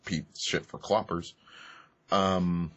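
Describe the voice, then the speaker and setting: A man's voice: low voice, steady tone, takes it slowly, fairly bright tone, dull audio. A man co-hosting a podcast, chatting casually and bluntly, swearing often. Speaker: podcast co-host. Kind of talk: casual commentary chat.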